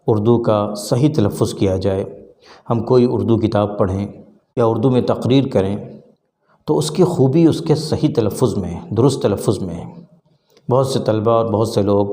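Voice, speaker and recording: A man giving a measured spoken lesson on pronunciation, slowing down to sound out letters. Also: fairly low pitch, dark tone, echoey room. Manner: measured, explanatory, slows to spell out letter sounds. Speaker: Urdu pronunciation teacher.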